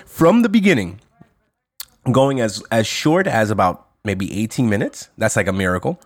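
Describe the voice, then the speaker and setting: A man with a somewhat low voice chats casually as a podcast co-host, stumbling through restarts and tossing in slang. His voice is dry and close, with little room sound. He laughs often as he talks. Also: sing-song, moderate pace, no room sound.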